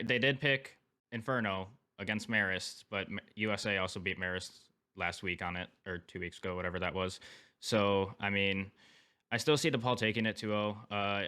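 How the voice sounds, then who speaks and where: A man's voice: low voice, sharp tone, smooth. A young man with a nasal voice, as if his nose were plugged, speaking casually as an esports player in a post-match interview. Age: young adult.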